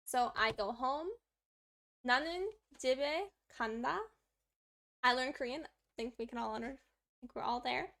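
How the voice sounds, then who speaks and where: On a live study stream, a woman reads lesson text aloud and chats to herself as she writes out examples. Her voice sits high and fairly bright, moving a little fast with frequent pauses, and her manner is upbeat throughout.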